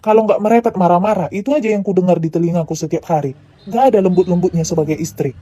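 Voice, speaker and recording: A woman's voice: on the low side, quick pace, mellow, slightly rough, no room sound. A woman with a Medan Indonesian accent voicing a defensive married man in his thirties who complains about his home life. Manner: sulky, complaining, justifying himself.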